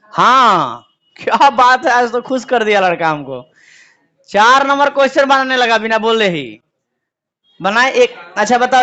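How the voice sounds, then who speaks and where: Man quizzing a class, high voice. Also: bright, forceful tone, dull audio. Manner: quizzing students, call and response. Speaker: accountancy teacher. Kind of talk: classroom lecture.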